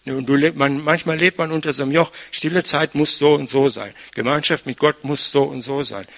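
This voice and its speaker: A man's voice: on the high side, fairly even intonation, a little fast, fairly bright tone. An older man, a pastor, preaching a conversational sermon, frequently tagging his sentences with "ne?". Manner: chatty, frequent tag "ne?".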